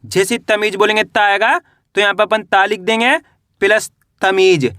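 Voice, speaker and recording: A man teaching a beginners' Hindi reading lesson, spelling words slowly syllable by syllable and asking the class to repeat. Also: high-pitched, steady tone, bright, forceful tone, no echo, clean studio sound. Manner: addresses viewers as friends.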